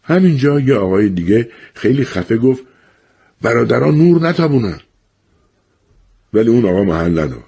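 Brief: male storyteller, husky and expressive, swings widely in pitch and acts out the voices. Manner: lively, acts out the voices of others. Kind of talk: storytelling narration.

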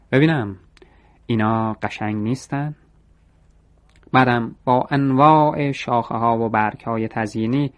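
Male narrator, steady storytelling read, measured and even. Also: mid-range voice.

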